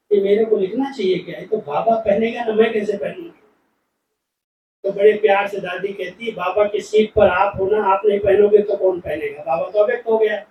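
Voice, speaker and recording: A high-voiced man gives a devotional class talk, telling anecdotes and acting out the lines of the people in them. He sounds as if he is some distance from the microphone. The hall around him is echoey, with faint background sound. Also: dull audio, slight background noise. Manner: storytelling, acting out quoted dialogue. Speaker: spiritual speaker.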